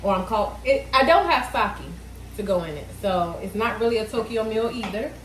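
A woman's voice: on the high side, lively intonation, brisk. Woman cook-along vlogger, loose and chatty, roomy kitchen sound, sizzling pan behind. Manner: chatty, loose, thinks aloud with fillers. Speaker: cooking vlogger. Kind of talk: casual cook-along narration. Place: home kitchen, indoors. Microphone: camera on the counter. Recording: echoey kitchen with frying noise. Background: food sizzling in a pan.

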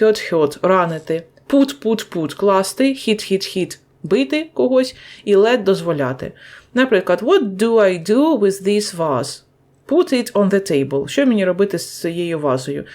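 A woman teacher with a Ukrainian accent, calmly and methodically explaining English grammar rules, repeating each rule step by step. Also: mid-range voice.

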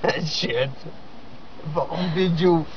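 A man's voice: a little high, takes it slowly, far from the mic. A young man, blackout drunk and slurring, rambling casually with swearing and giggles, recorded on a phone inside a car. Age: young adult. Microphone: phone camera at arm's length. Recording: noisy, muffled phone video in car.

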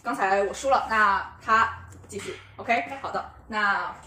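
A young woman hosting casually in an animated, giggly way, recorded in a living room. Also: mid-range voice, a little slow, slight background noise. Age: young adult. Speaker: host of a prank-call game. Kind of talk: casual vlog chat. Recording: roomy, distant camera mic.

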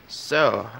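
A man's voice: mid-range voice, gravelly, a bit bright, a little hiss or hum, low-quality recording. A young man, vlogging as he walks along a street outdoors, rambling to a handheld camera. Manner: rambling, chatty, talks to the camera while walking. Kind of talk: casual walking vlog. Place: outdoors on a quiet street before dawn.

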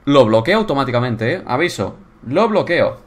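A young man with a Spain Spanish accent giving casual gameplay commentary on a viewer's build, excitable and bursting into loud exclamations. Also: medium pitch, moderate pace. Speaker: YouTuber touring viewer builds.

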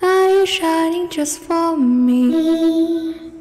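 A woman singing a slow ballad along to music, her voice pitch-shifted by a voice changer effect. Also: darkish tone, echoey room.

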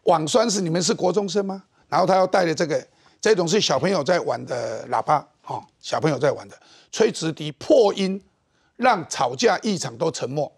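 Husky high-voiced Taiwanese Mandarin host. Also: male voice, moderate pace. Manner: animated, mocking, jokey. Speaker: talk show host. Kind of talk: political talk show commentary.

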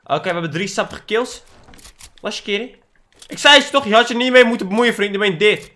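A young man commentating his own Fortnite match for his channel, excitable and swearing, with English slang mixed in. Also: sits high, quick pace. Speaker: gaming YouTuber.

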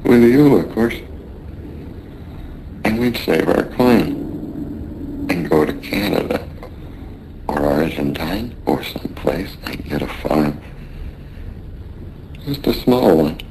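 In a noisy radio drama with a rumbling backdrop, a male actor plays a dying, wistful, seasoned American sailor reminiscing to his mate. His weak, failing voice is gravelly and creaky, halting, weary, and drifting, yet warm and exaggerated with lively intonation. The mood is weary and confiding.

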